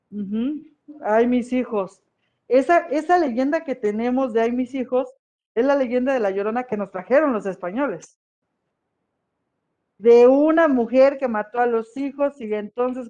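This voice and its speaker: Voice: medium pitch, darkish tone, highs cut off. A history teacher gives a conversational classroom lecture and often checks in with the students.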